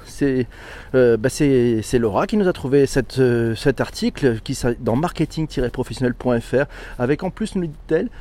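Podcast host, male, mellow tone, chatty and animated, laughs often. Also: medium pitch. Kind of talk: casual chat reading listener messages.

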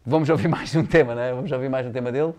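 A man's voice: mid-range voice, racing, darkish tone. A man with a European Portuguese accent, hosting a casual chat in an informal, slangy way. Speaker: show host.

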